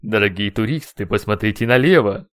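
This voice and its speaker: A shadowy male entity speaks in a low, booming voice laced with cloying sweetness, as a man reads him in an audiobook. He gives orders with mocking ease. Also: expressive, brisk, clear, resonant tone, lightly acted. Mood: sugary. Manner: sugary, mocking, commanding. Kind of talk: audiobook character voice.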